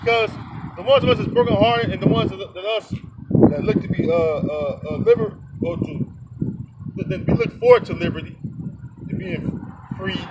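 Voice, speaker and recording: A man preaching outdoors, emphatic and rough-spoken, stumbling over fillers as he reads and explains scripture. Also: extremely high pitch, wildly swooping pitch, moderate pace, dull audio. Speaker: street preacher. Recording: distant mic, loud street noise.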